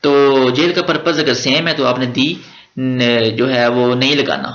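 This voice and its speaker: A man's voice: mid-range voice, steady tone, measured pace, fairly bright tone. A man with a Pakistani Urdu accent touched with Punjabi, giving a chatty step-by-step exam-prep grammar lecture with joking asides. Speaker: teacher. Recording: roomy, dull lo-fi recording.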